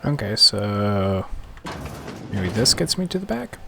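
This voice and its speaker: Gravelly-voiced man streaming a game. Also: on the low side, sing-song, slow pace, background noise. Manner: laid-back, talking to himself while playing. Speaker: streamer playing a video game. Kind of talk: casual gameplay commentary.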